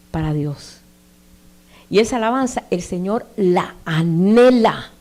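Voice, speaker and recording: A woman preaches at a middle pitch, reading scripture aloud with emphatic rises. She keeps it conversational and puts questions straight to the congregation. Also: a little mellow. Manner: addresses listeners directly with tag questions. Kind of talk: sermon.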